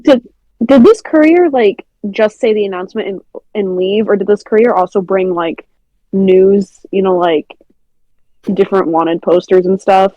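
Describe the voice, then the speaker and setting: Mellow woman on a dull, dry mic. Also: medium pitch, moderate pace, no echo. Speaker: player. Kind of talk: casual tabletop play.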